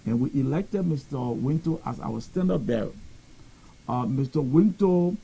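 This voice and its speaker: A man speaks for his party on a panel in a deliberate, steady way. His voice is husky and very dark, pitched in the middle. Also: low-quality recording. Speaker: party representative, panel guest. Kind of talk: answering on a political panel.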